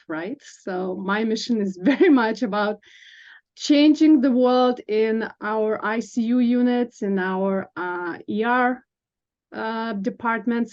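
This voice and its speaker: A woman in her forties from Lithuania talks earnestly as a podcast guest, her explanations full of small fillers and soft laughs. Her voice sits at an ordinary middle pitch, and the recording sounds slightly dull and lo-fi. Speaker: nurse practitioner guest. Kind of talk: podcast interview.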